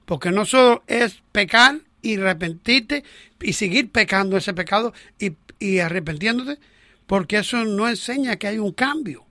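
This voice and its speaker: A woman's voice: medium pitch, animated, moderate pace, bright, forceful tone, dry recording. A woman preaching a sermon, earnestly exhorting the congregation.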